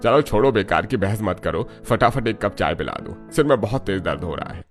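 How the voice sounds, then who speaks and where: A man's voice: fairly low pitch, expressive, fairly quick, soft background music, lightly acted. Man voicing an indulgent easygoing father. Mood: placating. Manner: casual, placating.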